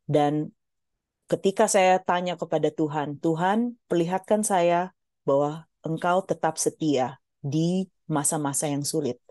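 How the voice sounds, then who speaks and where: A woman's voice: deep voice, unhurried, dark tone, no room sound, studio quality. A woman giving a heartfelt personal faith testimony as a guest speaker, slipping English phrases in and often addressing the listeners as ladies.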